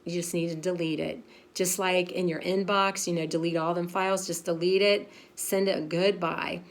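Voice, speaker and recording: A woman's voice: on the low side, fairly even intonation, normal speed. Pastor's wife in her 50s, talks frank and casual, laughs at herself a lot. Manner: chatty, frank, laughs at herself, many fillers. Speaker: pastor's wife giving a devotional. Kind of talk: casual devotional talk.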